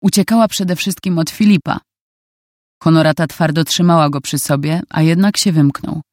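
Calm audiobook narrator, dry close sound. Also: medium pitch, normal speed, dry recording.

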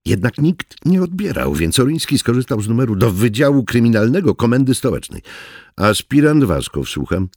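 A man narrating a thriller with a husky, slightly breathy voice and a lively, rising and falling delivery. He voices the characters himself. The sound is dry and close. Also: mid-range voice, fairly quick, hardly any pauses, dry recording. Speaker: audiobook narrator.

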